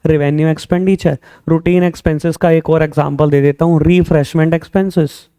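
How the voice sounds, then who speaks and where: A man teaching accounting in a smooth, dark, slightly higher voice. He keeps firing quick questions at his students and slows down to stress English definitions. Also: flat delivery. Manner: calls students "beta", quizzes them with quick questions; mixes Hindi with English terms, slow stressed definitions. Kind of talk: classroom lecture.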